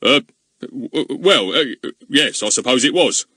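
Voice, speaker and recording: A man voicing a pompous, blustering middle-aged village policeman in an audiobook, with a husky, loud delivery. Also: mid-range voice, animated, unhurried, no room sound, studio quality, pitched above the performer's own voice, full character voice. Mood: flustered. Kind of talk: audiobook character voice.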